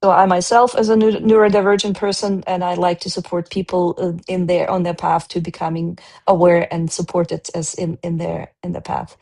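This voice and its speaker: A woman's voice: on the low side, little pitch movement, normal speed, hardly any pauses, a little mellow. Chatty woman. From Russia (Siberia). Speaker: independent coach and consultant. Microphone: video call.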